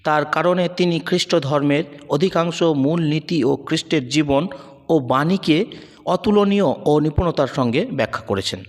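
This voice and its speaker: Guy reading a sermon slow and solemn, kinda high voice. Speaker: preacher. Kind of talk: scripted devotional sermon.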